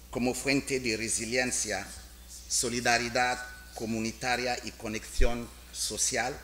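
A middle-aged official from an international organization reads a formal speech into a podium microphone in a large conference hall. He has a French accent and delivers the speech slowly and carefully in his second language. His voice is medium-pitched and sharp in tone, with a little hiss or hum.

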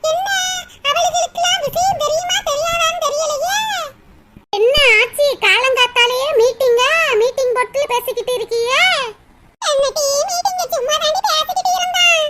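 A performer voicing nosy village women trading quick gossip in a cartoon. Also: extremely high pitch, fairly even intonation. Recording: loud noise behind voice.

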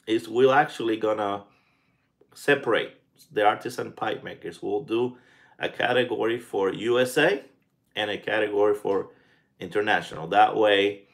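Guy in his 40s doing a laid out casual livestream chat, low creaky voice, kinda halting. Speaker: pipe tobacco vlogger and live stream host. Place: small indoor room at home.

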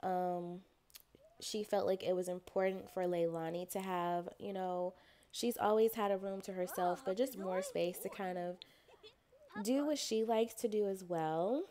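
A chatty woman talks through her life-sim gameplay in a relaxed, playful way. Her voice sounds mellow and warm, and she sometimes slips into her characters' thoughts as she plays. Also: mid-range voice, measured pace, a little hiss or hum. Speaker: gameplay narrator. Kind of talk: casual let's-play commentary.

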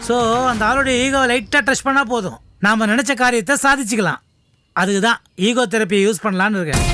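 A man's voice: high-pitched, natural voice. An actor playing a sly, scheming middle-aged man who mocks and taunts his rivals in a television serial. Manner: taunting, sneering, theatrical. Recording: television drama with background music.

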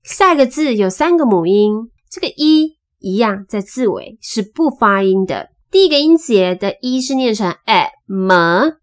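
A woman teaching English phonics, patiently spelling out sounds and repeating each word slowly. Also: fairly high pitch, expressive. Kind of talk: slow spoken phonics lesson.

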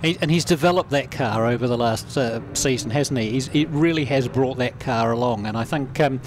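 A man's voice: mid-range voice, a little fast. A man with a New Zealand accent doing conversational speedway commentary. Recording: loud track and vehicle noise behind.

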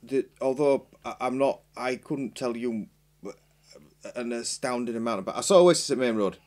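A man's voice: mid-range voice, normal speed, darkish tone. A man, a band member chatting as a guest in a small podcast studio, rambling and self-deprecating, with many restarts. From Yorkshire, England. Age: 40s. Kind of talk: casual chat. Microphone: boom mic with headphones.

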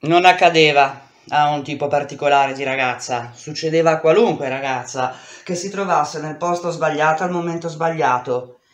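Expressive woman reading a memoir aloud. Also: deep voice, moderate pace, hardly any pauses, echoey room. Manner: intense, expressive, shouting the dialogue. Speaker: reader. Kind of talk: dramatic audiobook reading.

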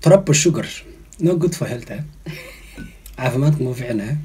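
Mellow man chatting casually. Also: medium pitch, animated, fairly quick, husky. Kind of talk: casual vlog chat. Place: living room, indoors.

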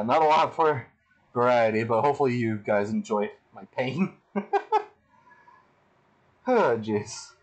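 Tired dude on a game stream, chatty, pokes fun at himself, says freaking a lot. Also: male voice, mid-range voice, low-quality recording. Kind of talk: live gameplay stream commentary.

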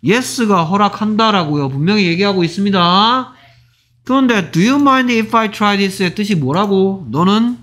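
A man teaching English to middle school students, repeating example phrases slowly and acting out short dialogues. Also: high voice, a bit bright. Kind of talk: exam-prep lecture.

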